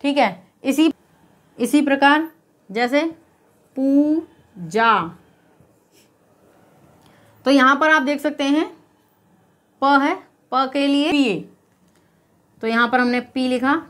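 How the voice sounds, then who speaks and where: A woman's voice: high-pitched, fairly even intonation, takes it slowly, pauses often, fairly bright tone. A woman teacher explaining spelling step by step, patiently posing questions and then answering them herself. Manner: checks in with repeated "okay?". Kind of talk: spelling lesson.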